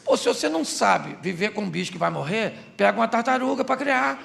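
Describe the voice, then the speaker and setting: A man's voice: sits high, animated, a little fast, gravelly, background noise. A man preaching a humorous sermon as a pastor, in Brazilian Portuguese, joking and asking the crowd questions.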